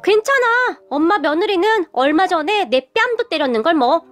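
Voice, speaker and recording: A woman's voice: expressive, normal speed, soft background music. A woman voicing a bratty, whiny adult sister-in-law who shrieks and whimpers. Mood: blunt. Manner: shrill, whiny, shouting.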